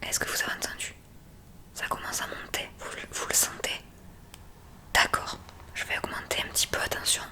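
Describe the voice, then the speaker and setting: A woman whispers to the listener as a hearing examiner in an ASMR medical roleplay. Her whisper is breathy and unvoiced, bright and forceful, at a moderate pace with frequent pauses.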